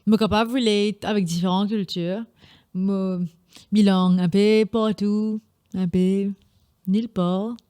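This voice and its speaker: A woman's voice: mid-range voice, steady tone, slow, dark tone, clear, resonant tone. A young woman with a Mauritian Creole accent hosting a casual solo podcast, chatty and often slipping in English phrases. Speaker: podcast host.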